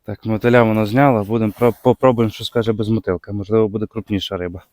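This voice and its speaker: A man from Ukraine with a Bukovina accent, chatting casually as he fishes on the ice outdoors, breaking into excited exclamations when a fish bites. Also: fairly low pitch, rapid-fire, dry recording, studio quality. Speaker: fishing vlogger. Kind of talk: casual commentary while ice fishing. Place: outdoors on a frozen lake.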